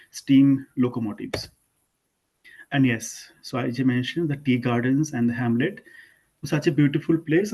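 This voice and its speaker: Casting note: young Indian-accented man, mid-pitched, talking students through slides, relaxed and halting. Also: rough recording. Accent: Indian English. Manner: informal, with frequent fillers and self-corrections. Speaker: architect giving an online lesson. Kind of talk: presentation to school students.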